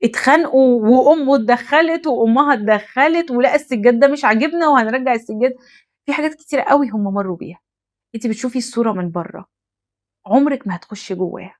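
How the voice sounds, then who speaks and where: A young adult woman with an Egyptian Arabic accent hosts a direct-to-camera advice talk, speaking earnestly and emphatically to the listener. Her voice is on the high side and her delivery rapid-fire.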